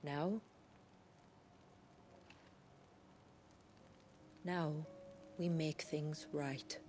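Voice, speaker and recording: An actress playing a calm, protective warrior woman in a video game cutscene, speaking in a measured, gentle, solemn way over music. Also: deep voice. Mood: tender, resolute. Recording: music behind the voice.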